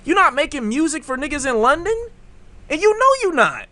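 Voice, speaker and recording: A man's voice: very high-pitched, very animated, a little fast, sharp tone. A man giving a heated, mocking rant as a music commentator.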